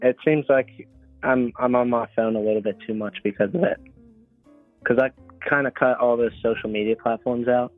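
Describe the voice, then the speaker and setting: A man's voice: mid-range voice, fairly even intonation, soft background music. Shy young man on speakerphone. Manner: shy, halting, polite. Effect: on speakerphone over a phone line. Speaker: caller. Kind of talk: casual chat. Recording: tinny dry phone line.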